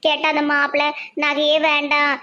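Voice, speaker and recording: A woman voicing an anxious young female college student in a cartoon, soft and tearful, with a Tirunelveli Tamil accent. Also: high-pitched, monotone, moderate pace, muffled recording. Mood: despairing. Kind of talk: cartoon voice acting.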